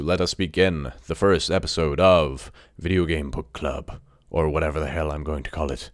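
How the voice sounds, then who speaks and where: Very deep-voiced man reviewing games casually. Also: gravelly, dry recording, clean studio sound. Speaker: video game review host. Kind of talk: casual first-impressions game commentary. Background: music.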